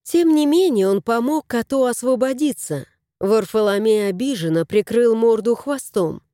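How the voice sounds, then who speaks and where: A woman narrating a children's story in a measured, expressive reading. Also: fairly high pitch, no echo, studio quality.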